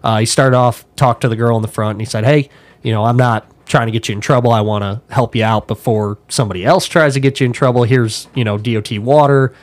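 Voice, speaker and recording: A man's voice: mid-range voice, fast talker, no room sound. A man, an airline pilot and podcast guest, telling stories in casual chat, acting out the lines of the people he quotes and laughing often. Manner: animated storyteller, acts out quotes, laughs often.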